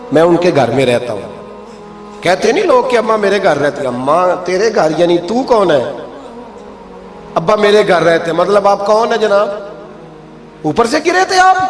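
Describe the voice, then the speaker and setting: A man preaching a sermon in a mosque, impassioned, often rising to high, emphatic exclamations. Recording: echoey hall with music underneath.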